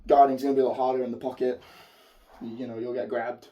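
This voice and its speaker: A man who is losing his voice and sounds hoarse, giving an informal martial arts tutorial as an instructor demonstrating technique. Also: medium pitch, little pitch movement, fast, highs cut off. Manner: informal, explanatory, occasional swearing. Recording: distant mic.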